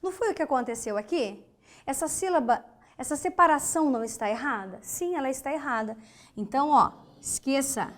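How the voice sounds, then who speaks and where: A woman's voice: sits high, lively intonation, a bit bright. A Brazilian woman teaching an online grammar lesson, spelling out words syllable by syllable and posing questions to the students. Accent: Brazilian Portuguese. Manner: slow, emphatic, spells out syllables and asks rhetorical questions.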